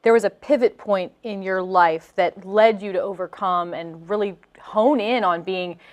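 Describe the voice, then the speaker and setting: Woman host, mid pitch, encouraging, upbeat interviewer. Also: measured pace. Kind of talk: casual interview.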